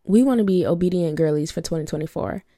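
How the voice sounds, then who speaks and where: Congested from a cold, this young podcast host teaches about faith in an earnest, preachy manner, circling back to her key phrases again and again. Her voice sits fairly low, warm in tone, and moves quickly. The studio sound is clean and dry.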